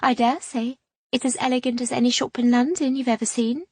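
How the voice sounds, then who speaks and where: A woman narrates an audiobook in the voice of a chatty, effusive young milliner, high and sing-song, and the mood is gushing. Her tone holds steady but dark with a breathy edge, and she moves a little fast. The dry recording carries no room sound.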